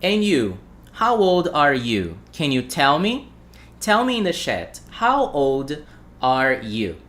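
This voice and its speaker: Brazilian-accented male English teacher, thirties, unhurried, drills phrases and quizzes viewers. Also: fairly high pitch, very animated, fairly bright tone. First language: Portuguese. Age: 30s. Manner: repeats phrases slowly, asks the chat questions. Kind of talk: livestream language lesson.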